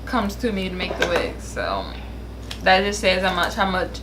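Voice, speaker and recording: A woman's voice: lowish voice, very animated, moderate pace, very noisy. A giggly drunk woman chatting casually as a vlog host, blunt and outspoken, swearing freely. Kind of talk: casual chat while doing makeup.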